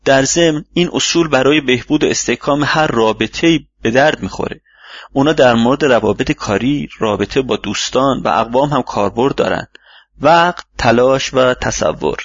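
Patient fatherly mentor read by a man, husky voice, dull dry recording. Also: mid-range voice, dry recording, lightly acted. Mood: advising. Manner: calm, instructive, fatherly. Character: wise older male mentor gardener, patient. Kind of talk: audiobook reading.

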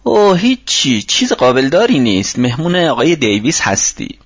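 Kind older mentor guy, man voicing him, patient advice, lively up and down, husky, dry. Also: medium pitch, no echo, muffled recording, voice pushed up. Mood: advising. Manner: patient, advising tone. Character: kindly older male workshop mentor.

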